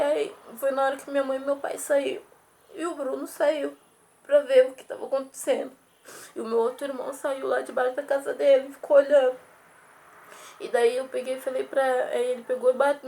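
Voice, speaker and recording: Woman, high gravelly voice, rambling repetitive testimony, faint background noise. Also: a little mellow. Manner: rambling, repetitive retelling with restarts. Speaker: witness recounting a family assault. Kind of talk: casual spoken testimony.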